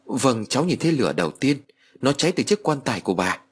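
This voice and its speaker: A man voicing a nervous teenage boy who answers his elders in a hurried, polite way. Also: medium pitch, very animated, husky, pitched above the performer's own voice.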